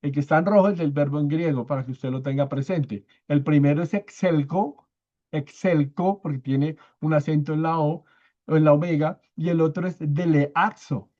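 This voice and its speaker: A man teaching a church Bible study, explaining step by step, often checking in with his listeners and repeating key words slowly for emphasis. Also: a little high, fairly even intonation, warm tone, lo-fi sound. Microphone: own microphone.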